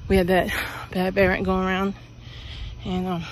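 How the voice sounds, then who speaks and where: A middle-aged Pennsylvania woman walks a suburban street at night, vlogging in a rambling, filler-heavy way into an earbud mic with her phone at arm's length. Her medium voice is completely flat at normal speed, in a low-quality recording with slight hiss or hum.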